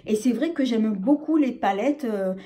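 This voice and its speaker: A woman's voice: on the high side, expressive, normal speed, mellow. A woman with a French accent reviewing a makeup palette in a casual, hesitant way, full of fillers and restarts. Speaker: beauty vlogger.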